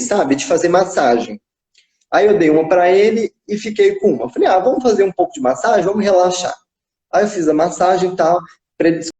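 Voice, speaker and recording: A man's voice: high-pitched, dark tone. A young man, a psychodrama psychologist, casually recounting a therapy session with a child and acting out the quoted dialogue. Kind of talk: casual storytelling in a live chat. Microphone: phone on a live video stream. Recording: echoey room.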